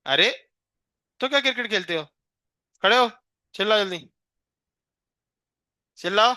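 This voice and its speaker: Bright-voiced teasing male physics teacher. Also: on the high side, clear, resonant tone, dry recording, studio quality. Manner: teasing, coaxing a shy student, counting aloud. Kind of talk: live classroom lecture.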